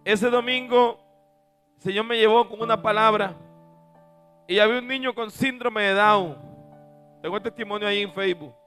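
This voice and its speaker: A male preacher with a high, bright voice tells stories through a sermon. He swings from booming shouts to soft, offhand asides. A guitar plays faintly behind him. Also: steady tone, normal speed, pauses often, smooth. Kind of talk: sermon with storytelling.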